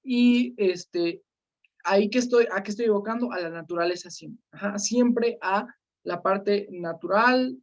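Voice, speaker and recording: A woman teaching an online class, calling on students by name and filling pauses with "este" and "eh". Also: medium pitch. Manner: questioning students by name, many fillers. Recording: slightly dull lo-fi sound.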